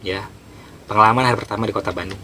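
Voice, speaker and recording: A man telling a horror story in a casual, animated way, acting out the scenes. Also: fairly low pitch, very fast, a little hiss or hum. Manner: animated, emphatic, acts out scenes.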